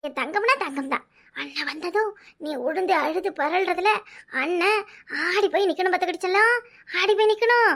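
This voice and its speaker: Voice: extremely high pitch, moderate pace, a bit bright. A performer voicing a scheming, bossy older village mother in a cartoon, with a Kanyakumari Tamil accent and a coaxing, theatrical manner. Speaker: cartoon character. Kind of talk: comic cartoon voice acting.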